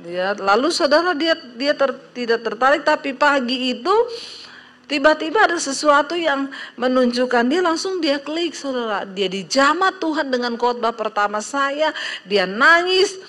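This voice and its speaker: Middle-aged woman pastor, sermon storyteller, slightly high voice. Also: animated, normal speed, a bit bright. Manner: storytelling with acted-out quotes, addresses listeners as "saudara".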